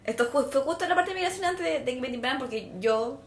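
A woman's voice: high voice, animated, quick pace, slight background noise. A young woman with a Chilean accent, co-hosting a podcast and telling a story in casual chat, acting out quoted dialogue and swearing casually. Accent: Chilean Spanish. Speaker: podcast co-host. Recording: echoey room.

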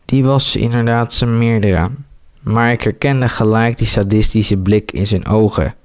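A man's voice: on the low side, fairly even intonation, a little slow, a little mellow, smooth. Man doing a bitter vengeful soldier.

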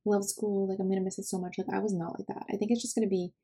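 A woman's voice: medium pitch, flat delivery, racing, mellow, husky. A woman in her twenties hosting a podcast, chatting casually with lots of filler words. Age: 20s. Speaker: podcast host.

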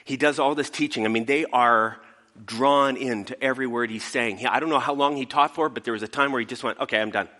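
A male pastor giving a casual sermon, retelling a story in an animated way. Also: mid-range voice, brisk, big-room sound. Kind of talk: conversational sermon.

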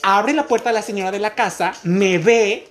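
A woman with a Mexican accent co-hosting a casual podcast chat. She tells animated stories, laughs often and acts out other people's voices. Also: medium pitch, normal speed, soft background music. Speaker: podcast co-host asking the questions.

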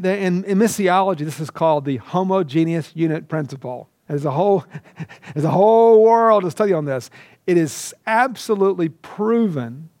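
A middle-aged man from Georgia, teaching a recorded lesson and telling lively stories. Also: fairly high pitch, dry recording. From Georgia, USA. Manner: animated storytelling with asides. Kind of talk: recorded lecture.

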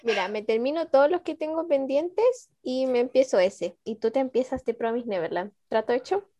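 A young woman with a Chilean accent, co-hosting a casual podcast chat, animated, laughing often and swearing casually. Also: high voice, normal speed. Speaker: podcast co-host.

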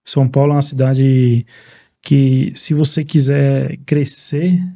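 A man from Paraguay, a Spanish speaker, chatting calmly and in a measured way as an interview guest. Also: mid-range voice, dull audio. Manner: calm, measured speech. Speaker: podcast guest, neurosurgeon. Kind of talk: casual interview talk.

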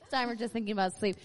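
An American woman hosting a casual live panel, chatty and joking as she talks to the audience. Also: fairly high pitch. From North Dakota, USA. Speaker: panel host. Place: large convention panel room with live audience. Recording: echoey hall, live panel PA.

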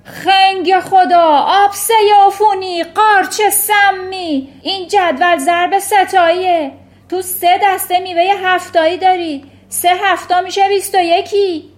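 A woman's voice: very high voice, steady tone, voice pushed up. A woman reading a children's storybook aloud, voicing a furious, bullying headmistress who roars insults and barks commands. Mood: scornful yelling. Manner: roaring insults, barking commands.

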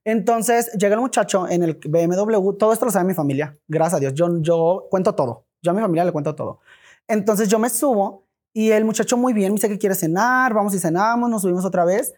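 A man's voice: high-pitched, fairly quick. A man with a Mexican accent, a podcast guest telling a story in casual talk, swearing freely and acting out the dialogue. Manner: animated, swears freely, acts out quoted dialogue.

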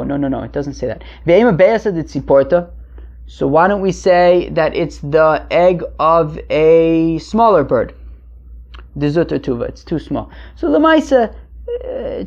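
Male teacher, conversational and halting, gravelly voice, explaining religious text; dull lo-fi sound. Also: on the high side, a little mellow. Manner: conversational, halting, asking and answering his own questions. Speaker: Talmud teacher. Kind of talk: informal Talmud lesson, translating as he goes. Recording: muffled lo-fi recording.

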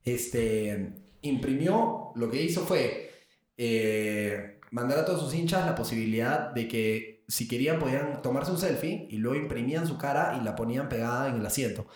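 A man co-hosting a podcast, telling stories in a lively, joking way. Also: mid-range voice, normal speed. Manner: animated, joking storyteller. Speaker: podcast co-host. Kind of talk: casual chat. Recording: roomy echo.

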